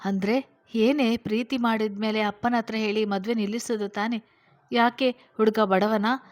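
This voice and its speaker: A woman's voice: fairly high pitch, fairly even intonation, moderate pace, lightly acted. A woman voicing a scheming, confident older sister in a storybook reading, talking in a reassuring, commanding way.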